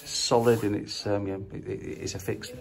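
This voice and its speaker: This man's voice is fairly low and creaky, with little pitch variation and a normal speed. He's a property investor casually showing viewers around an empty house, restarting often and using plenty of fillers, his handheld phone held at arm's length and picking up slight background noise.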